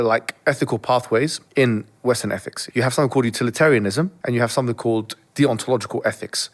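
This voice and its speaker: A man speaking as an interview guest, arguing his points in an assertive, didactic way. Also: mid-range voice. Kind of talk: argumentative explanation in conversation.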